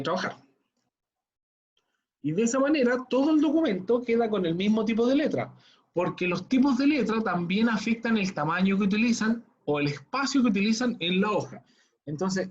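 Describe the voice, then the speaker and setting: A man's voice: high voice, darkish tone. A man, a teacher giving an online class tutorial and explaining each step patiently while checking in with his students. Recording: dull lo-fi computer audio.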